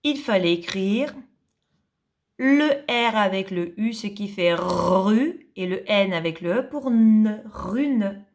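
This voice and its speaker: A woman teaching young children to read in French, spelling out syllables slowly and distinctly, patient and repeating each sound. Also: mid-range voice, animated. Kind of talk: slow reading lesson for young children.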